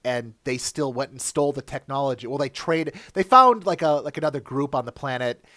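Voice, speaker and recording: A man co-hosting a casual chat, retelling stories in an animated way. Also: mid-range voice, fairly quick, no echo, clean studio sound. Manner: animated storytelling. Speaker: co-host.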